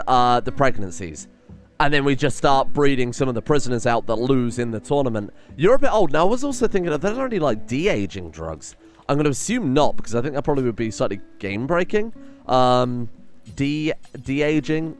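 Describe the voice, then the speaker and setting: A man who is a bit under the weather, giving casual, rambling game commentary with dry, joking asides. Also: medium pitch. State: slightly under the weather, voice not fully woken up. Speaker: gaming video host. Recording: light music behind the voice. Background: music.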